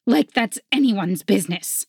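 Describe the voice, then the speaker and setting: A woman's voice: medium pitch, lively intonation, unhurried, vocal fry, darkish tone, slightly rough, no room sound, clean studio sound, exaggerated voice. A woman voicing a proud, indignant winged female chocolatier who speaks sharply.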